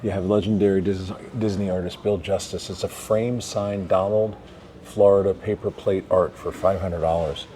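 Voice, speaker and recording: A man with a slightly low voice narrates a walkthrough of a big indoor antique store, excited and full of exclamations. The handheld recording carries plenty of background noise. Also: normal speed. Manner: enthusiastic, exclamatory. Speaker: vlog host.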